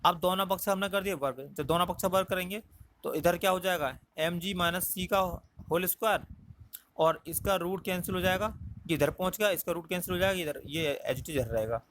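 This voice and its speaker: A male maths teacher works through a circle problem on the board step by step, asking rhetorical questions and pausing with thinking fillers. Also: high-pitched, a bit bright, slight background noise. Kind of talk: whiteboard maths lesson.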